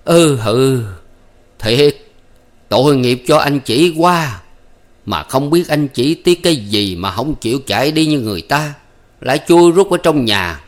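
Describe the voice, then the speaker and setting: A man voicing an older village notable who talks in a slow, coaxing, soothing way. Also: medium pitch, lively intonation, fairly bright tone, pitched above the performer's own voice, close to an everyday voice.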